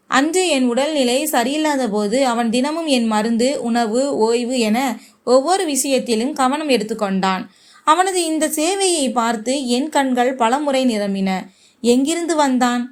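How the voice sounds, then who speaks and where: A woman narrating a first-person story in a measured, heartfelt way. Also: fairly high pitch.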